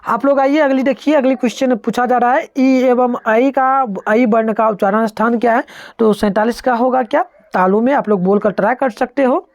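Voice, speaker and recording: A woman's voice: fairly high pitch, fairly quick, a little mellow, no room sound. A woman teaching an online exam-prep lesson, going through answers step by step and having students say sounds aloud.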